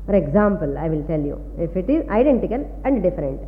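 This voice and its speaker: A woman's voice: on the low side, big pitch swings, fast talker. A woman with a South Indian Tamil accent teaching philosophy in a didactic way, repeating key phrases and checking understanding. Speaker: Vedanta teacher. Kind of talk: philosophy lecture mixing two languages. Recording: tinny phone-like sound, long reverb, faint hum.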